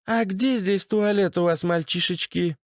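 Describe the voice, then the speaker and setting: A man voicing crude, rude young women in a shrill, squealing tone for an audiobook. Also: a little slow, no echo, studio quality. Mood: whiny. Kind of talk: audiobook character voice.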